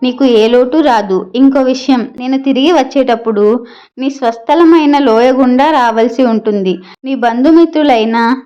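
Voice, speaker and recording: A woman's voice: high-pitched, moderate pace, warm tone, dull audio, close to an everyday voice. A woman voicing a wealthy male merchant who talks in a reassuring, talkative way. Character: wealthy male merchant, possessive but kindly-spoken.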